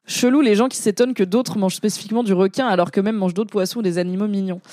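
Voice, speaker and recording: A woman's voice: mid-range voice, steady tone, quick pace, dark tone, no room sound, clean studio sound. A woman streamer in casual live chat, rambling along with many fillers and asides as she reacts to comments. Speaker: streamer and content creator.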